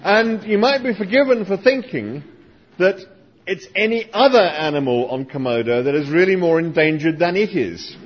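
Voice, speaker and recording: Wry high-voiced man telling a story. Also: expressive, moderate pace, highs cut off, slight background noise. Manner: wry, dry asides. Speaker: speaker reading to a live audience. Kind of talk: humorous reading and storytelling.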